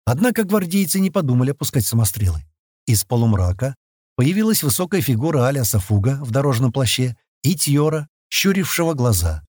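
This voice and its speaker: A male narrator reads a fantasy adventure with expressive, lively storytelling, his pitch moving widely. His voice is husky and slightly breathy at a middle pitch. The recording is dry and close. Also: a little fast, dry recording. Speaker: audiobook narrator.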